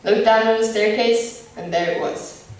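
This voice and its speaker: A young woman performing a stage monologue in a measured, plain way. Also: fairly high pitch, darkish tone, natural voice. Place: stage in a hall. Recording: echoey hall from far off, some noise.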